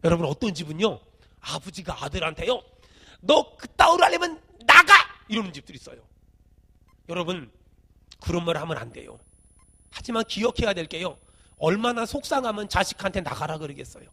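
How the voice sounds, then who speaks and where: Korean pastor preaching with gravelly intensity. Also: male voice, lively intonation, brisk, long pauses. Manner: swings from shouted emphasis to quiet, low asides; leads the congregation in call-and-response. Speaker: senior pastor. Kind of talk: sermon.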